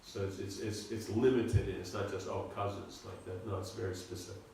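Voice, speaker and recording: A man teaching a seminar on scripture, talking in a halting, informal way and often repeating his words. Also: lowish voice, steady tone, creaky, warm tone, slight background noise. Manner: halting, repeats words, asks the audience to follow. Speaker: spiritual teacher giving a seminar lecture. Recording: echoey room, recorded from a distance.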